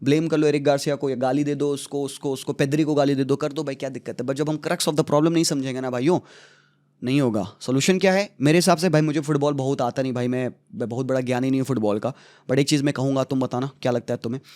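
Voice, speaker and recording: A man's voice: medium pitch, fairly even intonation, quick pace, darkish tone. A young man hosting a heated football analysis, passionate and exasperated, mixing in English and crude slang. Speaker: football channel host.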